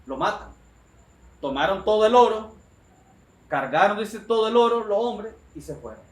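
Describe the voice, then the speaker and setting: A male preacher with a high voice delivers an emphatic, repetitive sermon in an echoey room, frequently calling his listeners "brother." His intonation is lively and his pace moderate.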